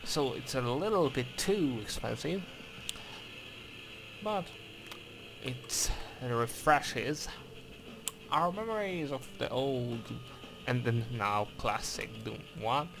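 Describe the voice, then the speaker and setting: Speaking slowly in careful English with a Hungarian accent, this game reviewer from Hungary does a voice-over on gameplay footage, hesitating, restarting and using lots of fillers. His mid-range voice is creaky but lively in intonation, over a noisy background.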